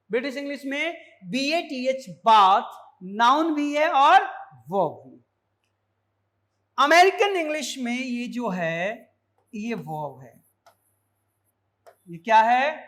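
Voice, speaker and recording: A man's voice: very high voice, a bit bright. A man teaching an English lesson, quizzing his students with repeated questions and calling them child in a fatherly way. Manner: fatherly, calls viewers child; gets carried away with enthusiasm. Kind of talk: explanatory video lesson.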